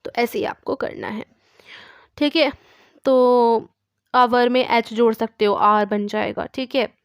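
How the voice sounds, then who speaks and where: A woman's voice: a little high, steady tone, takes it slowly, clear, resonant tone, no room sound, highs cut off. Patient Indian woman teaching English. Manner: patient, repeats "ठीक है" after each point. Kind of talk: online language lesson.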